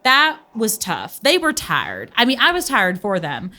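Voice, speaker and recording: A woman's voice: medium pitch, huge pitch swings, unhurried, bright, forceful tone. A young woman co-hosting a podcast, chatting casually with lots of fillers. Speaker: podcast co-host. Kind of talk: casual chat.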